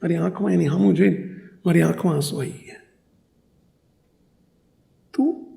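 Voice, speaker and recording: A monk delivers a sermon as a story, close and intimate. His voice sits high for a man and carries a gravelly rasp. He slips into the people of his stories as he talks. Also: quick pace, dark tone. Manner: narrates intimately, acting out dialogue in higher voices.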